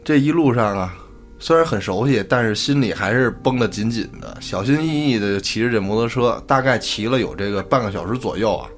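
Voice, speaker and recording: A man hosting a podcast and telling a spooky tale in a colloquial, relaxed way. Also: mid-range voice. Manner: colloquial, relaxed, casual swearing. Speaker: podcast host. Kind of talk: storytelling narration.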